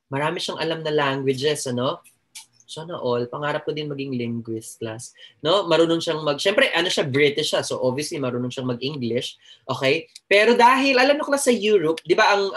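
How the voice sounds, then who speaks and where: A man's voice: fairly high pitch, fairly bright tone. A Filipino man giving a chatty, joking nursing lecture, mixing Tagalog and English and constantly addressing his class.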